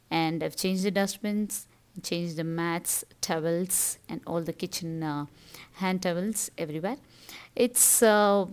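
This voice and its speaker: A woman's voice: fairly low pitch, darkish tone. A middle-aged woman from South India with a Tamil accent, casually narrating her cooking and chores step by step as a home vlogger. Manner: explanatory, step-by-step.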